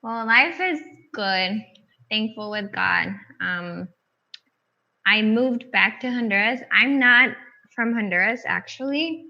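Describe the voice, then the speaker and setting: Woman guest in her 20s from Colombia, native Spanish speaker, bright and chatty, over a muffled lo-fi call. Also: fairly high pitch, takes it slowly, creaky. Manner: cheerful, chatty, laughs easily. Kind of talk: casual video-call chat.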